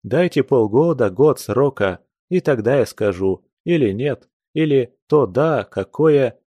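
A man reading an audiobook, voicing a weary, heartsick young man who talks slowly and reluctantly, with sighs. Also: mid-range voice, lively intonation, warm tone, slightly rough, no room sound. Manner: slow, sighing, reluctant.

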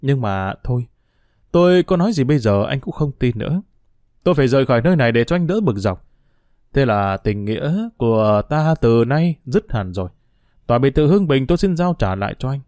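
A man's voice: mid-range voice, big pitch swings, fairly quick, a little mellow, dry recording, studio quality, close to an everyday voice. A man reading a story aloud and voicing a tearful young woman pleading her case. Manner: pleading, emotional.

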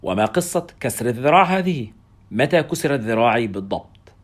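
A man narrating a first-person story in an audiobook style, reading in a brisk, expressive way. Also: medium pitch.

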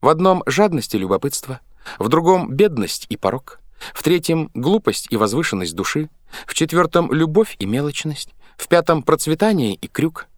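Guy putting on a squeaky little ship's boy, chatty and lively, dry close sound. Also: normal speed, no echo. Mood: explaining. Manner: high, animated, matter-of-fact explaining. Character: odd, calm-spoken boy cabin hand.

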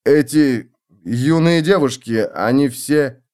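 A man's voice: medium pitch, slow, darkish tone, pitched above the performer's own voice, natural voice. Wry, uneasy swordsman, in the reader's own voice, polite but wary. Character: adult male adventurer, wry and uneasy.

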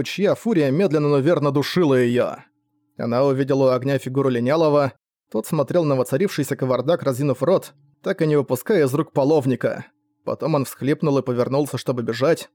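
A man's voice: medium pitch, a little mellow, no echo, clean studio sound. A man giving a vivid, dramatic scripted narration of a fantasy novel. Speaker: audiobook narrator.

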